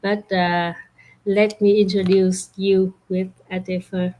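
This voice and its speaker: A woman from Vietnam hosting an online talk, halting and full of fillers over a video call. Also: mid-range voice, level tone, dark tone, slight background noise. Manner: slow, halting, many fillers. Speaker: host. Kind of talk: online interview introduction.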